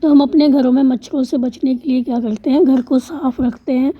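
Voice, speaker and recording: A woman's voice: high-pitched, steady tone, a little fast, mellow, husky. A woman teacher patiently explaining a language exercise step by step, spelling out letters and word parts one at a time. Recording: dull lo-fi sound.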